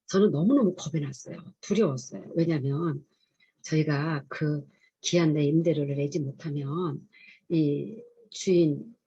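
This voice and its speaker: Earnest woman giving a testimony, warm low tone. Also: measured pace, breathy edge, lo-fi sound. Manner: earnest, confessional storytelling. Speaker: pastor's wife giving testimony. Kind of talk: testimony sermon. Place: chapel service.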